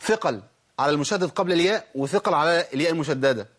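Fast-talking husky Egyptian teacher. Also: male voice, on the high side, a bit bright. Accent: Egyptian Arabic. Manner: asks the class questions, then answers them himself; stretches out example words slowly to demonstrate. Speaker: Quran recitation teacher. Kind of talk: tajweed lesson.

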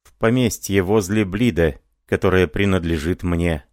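A man's voice: deep voice, moderate pace, no room sound, studio quality, natural voice. A man voicing a frightened young woman. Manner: soft, trembling pleading.

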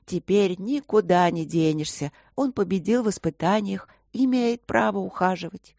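A woman voicing a caring middle-aged noble mother with a calm, practical way of talking. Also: mid-range voice, normal speed, vocal fry, dry recording, studio quality. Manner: soothing, practical.

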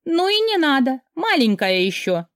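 A woman's voice: high-pitched, very animated, moderate pace, fairly bright tone, no room sound, clean studio sound, pitched above the performer's own voice. A woman putting on a drunk, giggly young woman. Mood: flippant. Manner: slurring, giggly, dismissive. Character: drunk, tearful young woman, flippant and bitter.

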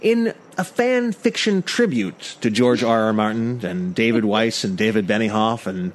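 A man's voice: lowish voice, animated, measured pace. A man hosting an improvised comedy podcast, jokey and rambling, laughing often. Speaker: podcast host.

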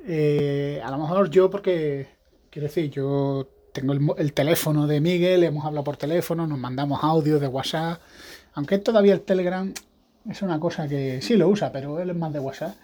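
A man's voice: a little high, a little fast, warm tone. A man hosting a podcast, talking in a rambling, casual monologue with frequent restarts. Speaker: podcast host; evangelical pastor.

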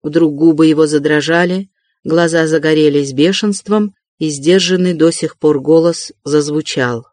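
A narrator reading a classic novel aloud in a steady, measured way. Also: medium pitch, no room sound. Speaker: audiobook narrator. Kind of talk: literary audiobook narration.

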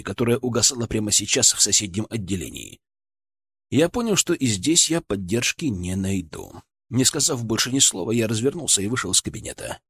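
Guy reading an audiobook, very lively intonation, tense, dry close-mic sound. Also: medium pitch, husky, no room sound. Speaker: audiobook narrator. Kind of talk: first-person audiobook narration.

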